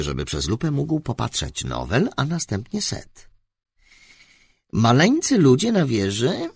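A man narrating an audiobook in a measured, animated storytelling manner. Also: mid-range voice, gravelly, slightly rough, dry recording, clean studio sound. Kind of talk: scripted narration.

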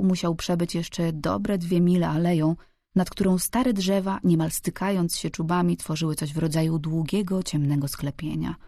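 Mellow low-voiced woman narrating a story. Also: no echo, studio quality. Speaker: audiobook narrator. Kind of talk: scripted narration.

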